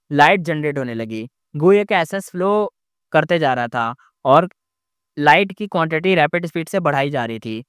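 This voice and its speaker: Man, casual novel recap, filler-heavy, smooth resonant voice, dry close mic. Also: on the high side, no echo. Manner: rambling, with frequent fillers and self-corrections.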